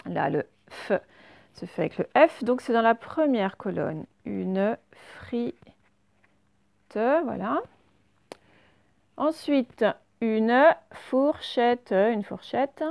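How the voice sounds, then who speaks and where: Une enseignante qui fait une leçon d'orthographe pour enfants, lente et patiente, qui répète chaque mot deux fois. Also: female voice, fairly high pitch, lively intonation, creaky, a little mellow, no echo. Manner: slow, patient, repeats each word twice. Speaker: teacher. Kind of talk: spelling lesson read to children.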